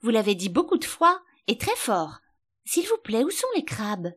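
A polite, curious little girl from a storybook, asking eager questions in a high, bright voice, as a woman reader puts her on. She sounds earnest and a touch plaintive. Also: big pitch swings, normal speed, breathy edge, heavily acted.

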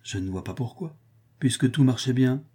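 A man reading the part of a calm, assured master detective, explaining in measured tones. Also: medium pitch, breathy edge, natural voice.

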